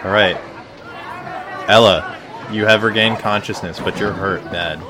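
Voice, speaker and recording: A man narrating as game master of a tabletop game, matter-of-fact and calm as he gives the rules. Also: on the low side, unhurried. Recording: loud crowd chatter and noise behind.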